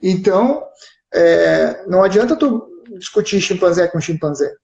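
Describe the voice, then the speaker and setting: Gaúcho man, patient live-stream explainer, mellow tone, echoey and dull audio. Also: high-pitched, expressive, measured pace, gravelly. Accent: southern Brazilian (gaúcho). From southern Brazil. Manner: explains patiently with frequent "né?" and "certo?" check-ins. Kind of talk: explanatory casual chat.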